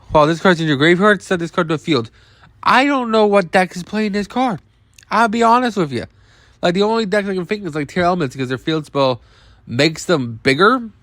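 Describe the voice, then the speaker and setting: A man's voice: fairly high pitch, a bit bright, dry recording, clean studio sound. A young man casually reviewing game cards, thinking aloud with frequent restarts and the odd swear word. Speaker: card game video host. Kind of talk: casual card review commentary.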